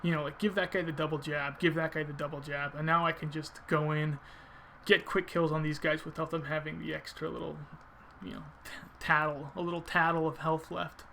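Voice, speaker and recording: Bright-voiced man doing casual game commentary. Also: a little high, level tone, brisk, vocal fry, a little hiss or hum. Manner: informal, thinking aloud as he explains technique. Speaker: video game player commentator.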